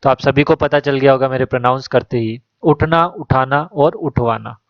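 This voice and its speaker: A man's voice: medium pitch, fairly even intonation, moderate pace, dry recording, dull audio. A man who works as a teacher, going through exam questions one by one: he reads each question and its options, then gives the right answer.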